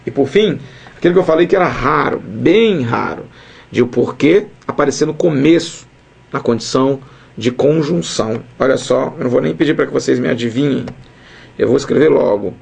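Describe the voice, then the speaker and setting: A man teaching a grammar lesson at a whiteboard, lively and chatty, often checking in with his students. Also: medium pitch, fairly quick, gravelly, slightly rough.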